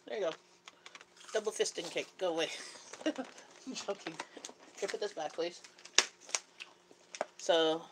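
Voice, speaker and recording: A middle-aged Canadian mother hosts a live stream, chatting casually with viewers while cooking, talkative and prone to giggles. Her voice is on the low side, with slight background noise.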